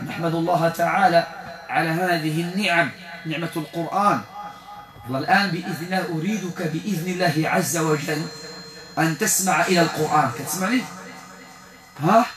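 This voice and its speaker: A man with a Moroccan accent, working as a Quranic healer in a spoken exorcism session. He keeps asking short tag questions and murmurs prayers softly. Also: sits high. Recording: echoey room, voice from a distance, crowd behind.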